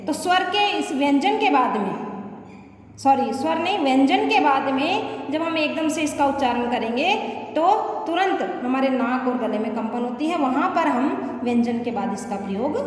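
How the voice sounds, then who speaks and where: A woman teacher with a Rajasthani Hindi accent gives a slow, patient lesson to children. She often repeats points and checks that they follow. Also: high voice, expressive. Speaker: primary school Hindi teacher. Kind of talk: classroom lesson explaining Hindi letters to children. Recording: echoey room with long reverb and faint noise.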